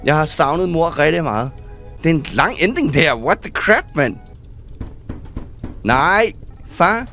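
A man giving excited gameplay commentary as a gaming YouTuber. He reads game text aloud and drops English game words into his talk. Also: fairly high pitch, soft background music.

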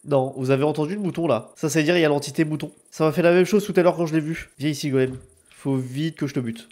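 A man's voice: on the high side, fast, darkish tone. A young man giving chatty live gameplay commentary, swearing often and yelping when something startles him. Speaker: gaming video creator.

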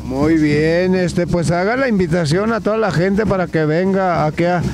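A man's voice: high voice, moderate pace, creaky. An older man hosting a casual interview at an expo, chatty and hesitant with many fillers, speaking into a handheld mic. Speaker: host. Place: large indoor event hall. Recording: loud music behind.

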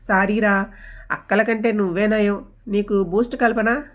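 A woman voicing a gentle, joking middle-aged father who teases his daughters in a storybook reading. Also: medium pitch, fairly even intonation, unhurried, close to an everyday voice. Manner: teasing, dry humor.

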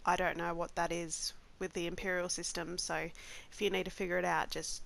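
A woman's voice: lowish voice, little pitch movement, brisk, vocal fry, a bit bright. A woman from Australia, nasal-sounding because she has the flu, casually talking viewers through a gameplay tutorial step by step. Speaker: gaming channel host.

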